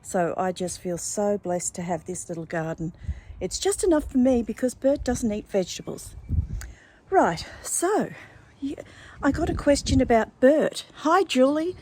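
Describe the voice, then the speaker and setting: With warmth and lots of animation, an older Australian woman talks casually to her vlog viewers, effusive and calling them darlings. Her voice is a little high, her pace unhurried, and there is slight background noise.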